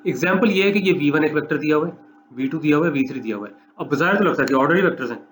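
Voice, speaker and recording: A man giving a recorded mathematics lecture, walking students through each step, repeating points and dictating slowly for notes. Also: a little high, animated, a bit bright. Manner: explanatory, repeats steps, dictates slowly for note-taking. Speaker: math lecturer.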